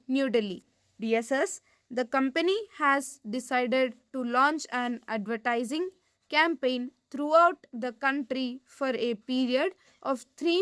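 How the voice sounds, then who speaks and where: A woman reading dictation for shorthand practice in deliberate, measured phrases with pauses between them. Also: sits high, no room sound.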